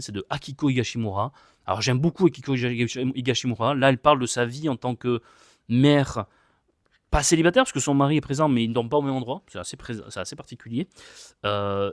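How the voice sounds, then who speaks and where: A man's voice: medium pitch, no room sound, clean studio sound. A man casually reviewing manga he has read, chatty and rambling, with many hesitations and repeated words, joking about his own English accent.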